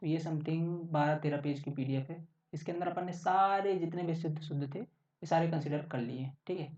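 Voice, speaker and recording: A man's voice: a little high, fairly quick, darkish tone. Brief: male coaching teacher, conversational and repetitive, recorded a little far from the mic, dull tone. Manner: chatty, keeps checking in with listeners. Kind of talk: casual online lesson. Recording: roomy, distant, dull sound.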